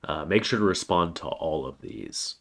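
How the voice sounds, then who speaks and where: Speaking at a moderate pace, a man with an extremely deep, gravelly voice goes over a weekly course plan like a college writing teacher in a recorded lecture. His cold makes him sound a little congested, and his steady, plain delivery is full of "uh" fillers.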